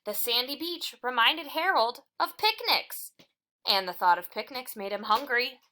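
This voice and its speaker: Her voice sits high as she reads a children's picture book aloud. She tells it expressively, phrasing deliberately and adding dramatic emphasis.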